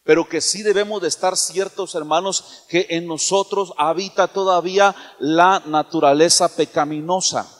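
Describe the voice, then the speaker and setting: A man's voice: sits high, steady tone, moderate pace, few pauses, in a large hall. A man preaching a sermon in a church, emphatic and firing questions at the congregation.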